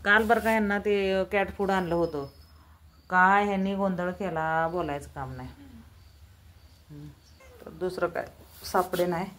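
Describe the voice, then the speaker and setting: A woman's voice: fairly low pitch, steady tone, measured pace, pauses often, a bit bright, a little hiss or hum. Woman cooing to her pet cats. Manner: coos and calls to cats in a sing-song voice. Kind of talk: casual home vlog. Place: home with cats, indoors.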